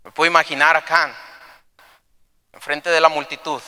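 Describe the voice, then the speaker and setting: A pastor preaching an impassioned sermon, retelling a story with dramatic flair. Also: male voice, a little high, little pitch movement, moderate pace, pushed and bright, smooth, in a large hall. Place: church.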